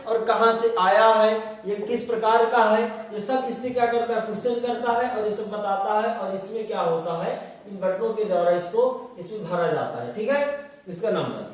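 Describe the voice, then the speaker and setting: A man with a high-pitched voice gives a classroom lecture at normal speed, explaining step by step and posing and answering his own questions. The recording sounds distant, in a very echoey room.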